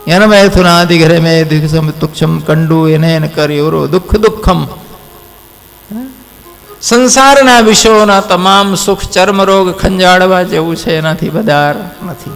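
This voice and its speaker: A man's voice: high voice, measured pace, gravelly, fairly bright tone, soft background music. A man giving a sermon, telling a story and acting out its characters. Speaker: Bhagavat katha preacher. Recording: long hall reverb.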